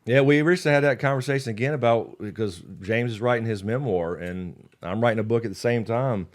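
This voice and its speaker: A man's voice: medium pitch, fairly quick. A man with a mid-range voice talks as a podcast co-host. His delivery is conversational and blunt, with casual swearing and brief interjections of agreement.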